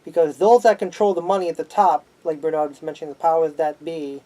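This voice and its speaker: A man, a sociology student, speaking in a measured, explanatory way with fillers in a casual discussion. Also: fairly high pitch, mellow, rough recording.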